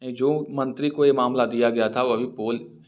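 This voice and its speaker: A man with an Indian accent, speaking as a teacher at a mid pitch. He reads English sentences out slowly and deliberately, then explains the words in conversational Hindi. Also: steady tone, dull audio.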